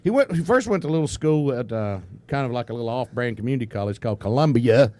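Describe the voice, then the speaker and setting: A man's voice: mid-range voice, animated, quick pace, a little mellow. Jovial man hosting a morning radio show. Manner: jovial, chuckling, loose ad-libbed introductions. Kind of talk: casual live radio banter. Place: radio studio. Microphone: studio microphone with headphones.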